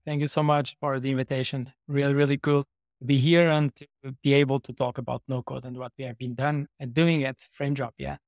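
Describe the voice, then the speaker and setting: Man, from Portugal, 30s, podcast guest, flat even delivery, dry sound. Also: mid-range voice, brisk, gravelly, no room sound. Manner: chatty, many fillers and restarts. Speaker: guest, startup co-founder. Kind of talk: casual interview talk.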